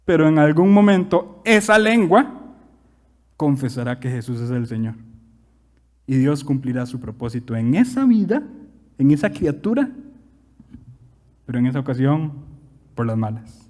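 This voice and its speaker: A young man with a Costa Rican accent preaching a sermon as pastor, animated, with big swings in loudness and rhetorical questions. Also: mid-range voice, moderate pace, pauses often, long reverb tail. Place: church.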